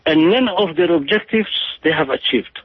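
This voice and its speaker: Husky-voiced man giving emphatic commentary. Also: fairly high pitch, lively intonation, no room sound, narrow, tinny audio. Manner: halting, emphatic, frequent restarts and fillers. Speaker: political commentator. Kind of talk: impassioned political commentary.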